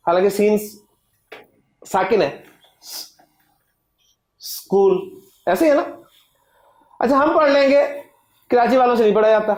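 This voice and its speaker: A Pakistani man teaching a Quranic Arabic class in Urdu, explaining slowly with a Pakistani accent, drawing words out and often checking "right?" with the students. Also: high voice, darkish tone. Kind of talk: classroom lecture. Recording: echoey classroom.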